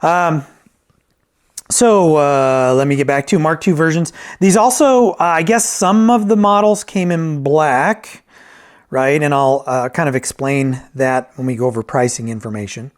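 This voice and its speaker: Speaking a little slowly in a fairly high-pitched voice, this vintage tape deck reviewer and repairer wanders through an unscripted, casual product review. He often corrects himself and tosses in "right?" to check in.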